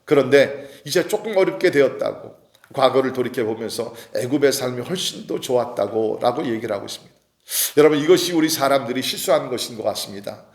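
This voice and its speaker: A male pastor delivers an early morning sermon in a middle-pitched voice, earnest and measured, with frequent filler sounds. He rises in pitch and force when he presses a point home. The recording rings with the echo of a church sanctuary. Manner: earnest preaching with many fillers, rising when emphatic. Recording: echoey church hall.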